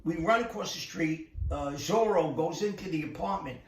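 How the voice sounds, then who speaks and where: A man's voice: on the high side, normal speed. An older man with a New York accent, telling a street story in a rambling, repetitive way as an interview guest. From Brooklyn, New York. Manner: rambling, repeats words, acts out voices in stories. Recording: echoey room, distant from mic.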